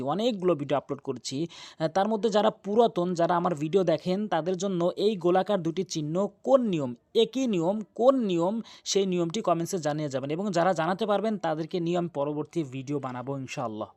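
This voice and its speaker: A man's voice: high voice, animated, darkish tone. A man teaching Quran recitation, spelling each word out letter by letter and then repeating it. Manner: slow, drawn-out chanting when reciting verses.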